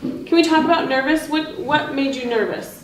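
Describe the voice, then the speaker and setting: A woman with a high voice, speaking at normal speed, practices teaching a read-aloud lesson with colleagues, asking questions and supportively echoing the answers. The recording comes from a distant mic in an echoey indoor room with a group and faint noise.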